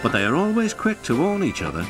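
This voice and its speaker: A man giving scripted, measured storybook narration for a children's cartoon. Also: a little high, over loud music. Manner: expressive, measured.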